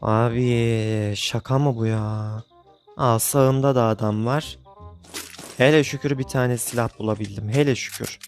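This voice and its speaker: A man's voice: medium pitch, steady tone, unhurried, soft background music. A young man giving frustrated live commentary on his own gameplay, grumbling and venting at the game. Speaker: gaming YouTuber.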